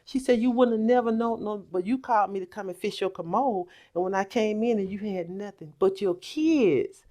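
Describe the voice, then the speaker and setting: A middle-aged woman telling a personal story on a podcast, animated, acting out quoted voices. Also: medium pitch, normal speed. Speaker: podcast guest. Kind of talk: casual storytelling.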